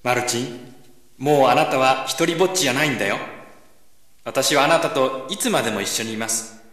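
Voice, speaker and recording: A man voicing a gentle divine figure, echoing. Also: mid-range voice, brisk, natural voice. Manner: gentle, reassuring. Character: gentle divine male voice, calm and kind. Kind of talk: radio drama acting. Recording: echoey voice with long reverb.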